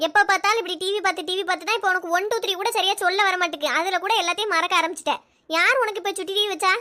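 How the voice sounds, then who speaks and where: A woman's voice: very high-pitched, rapid-fire, bright, forceful tone. A woman voicing a stern young mother in a cartoon, nagging sharply. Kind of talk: cartoon voice acting.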